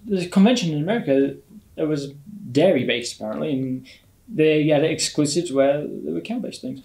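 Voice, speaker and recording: A man's voice: fairly high pitch, a little fast, creaky, darkish tone. A man co-hosting a podcast, chatting casually with friends in a hesitant way, often correcting himself. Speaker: podcast co-host. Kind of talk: casual banter about toys. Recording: echoey, reverberant room.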